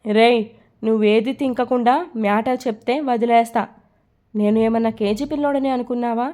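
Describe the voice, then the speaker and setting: A defiant young man, indignant and protesting under questioning, read by a woman. The tone is mellow and a little high, in a plain storybook reading. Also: fairly even intonation, moderate pace, lightly acted.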